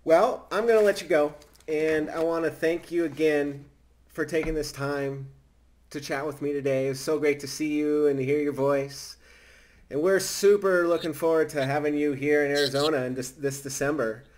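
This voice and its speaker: A man's voice: a little high, fairly even intonation, normal speed. Upbeat man hosting an interview. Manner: upbeat, warm thanks, spells out web addresses. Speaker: interview host. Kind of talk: casual interview chat.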